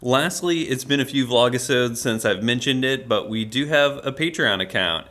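A man's voice: medium pitch, sharp tone. A man co-hosting a casual vlog, upbeat and chatty, laughing easily as he talks. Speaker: vlog co-host.

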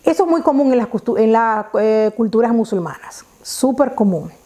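Dominican woman in her thirties, casual vlog storytelling, fairly high voice, mellow tone, lapel mic at home. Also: normal speed. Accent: Dominican Spanish. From Dominican Republic. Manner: chatty, animated hand gestures, many fillers and restarts. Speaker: vlogger. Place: living room at home, indoors.

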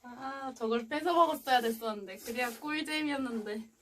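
Playful high-voiced woman hosting a mukbang. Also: fairly quick, slight background noise. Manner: playful, teasing. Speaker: mukbang host. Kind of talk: casual chat while eating.

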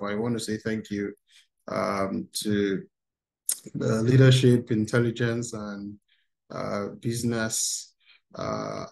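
A man's voice: fairly low pitch, vocal fry, darkish tone. Upbeat man on a video call. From Nigeria. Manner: upbeat, reads out chat replies, chuckles often. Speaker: workshop speaker for teens. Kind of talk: interactive online workshop. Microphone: video call webcam.

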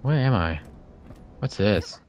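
A man's voice: on the low side, lively intonation, slow pace, darkish tone, a little hiss or hum. A man chatting and complaining with friends during a co-op game, joking and teasing. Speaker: gamer. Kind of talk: casual co-op gaming chat.

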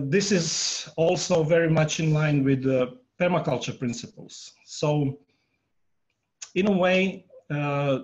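A Croatian man in his fifties presents a workshop talk for an online conference from a room at home, using an earphone headset on a video call. His fairly high, slightly mellow voice comes through a muffled recording, and his delivery is halting, full of filler pauses, as he polls the audience.

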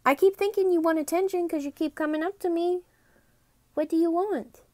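A woman's voice: extremely high pitch, steady tone, brisk, warm tone. A young woman in her twenties chatting casually in a home vlog, talking sweetly to her pets. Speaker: vlogger. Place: home pet room, indoors.

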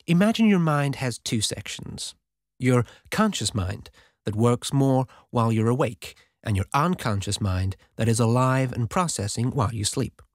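Teasing inner voice, done by a narrator, matter-of-fact, dry close sound, with lively pitch. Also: moderate pace, no echo, close to an everyday voice.

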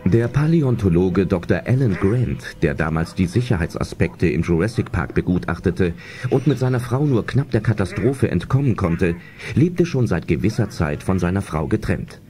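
A deep, animated male voice at normal speed carries a suspenseful adventure audio drama, told in scripted storyteller fashion. Loud music sits under the narration.

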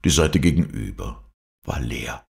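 Very deep gravelly male narrator. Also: animated, unhurried, a little mellow. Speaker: audiobook narrator. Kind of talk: fairy tale reading.

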